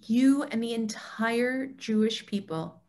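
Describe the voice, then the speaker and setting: Playing a wise, assured mentor, a woman reads a staged dialogue over a video call in a fairly high, slightly mellow voice. She teaches with careful emphasis, her tone knowing and teasing.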